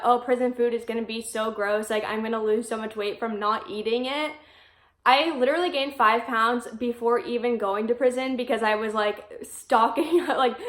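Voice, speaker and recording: A woman in her twenties chatting casually to camera in a vlog, filling her talk with "like" and quick laughs. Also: on the high side, a bit bright, roomy sound. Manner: chatty, peppered with "like", frequent laughs. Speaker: vlogger. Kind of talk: casual talking-head vlog.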